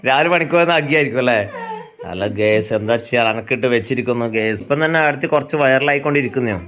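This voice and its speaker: Quick chatty guy vlogging at home, teasing and talking to viewers. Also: medium pitch, a crowd in the background. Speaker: family vlogger. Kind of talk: casual vlog chat. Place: at home indoors.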